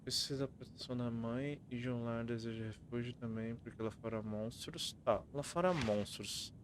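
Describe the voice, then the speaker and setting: A man with a Brazilian Portuguese accent streaming a game, reading riddles aloud and thinking out loud. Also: mid-range voice, moderate pace, slight background noise. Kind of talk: live gameplay commentary.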